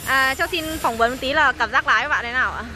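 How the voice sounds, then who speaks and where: A woman riding instructor explaining quickly. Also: high voice. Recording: loud outdoor traffic noise.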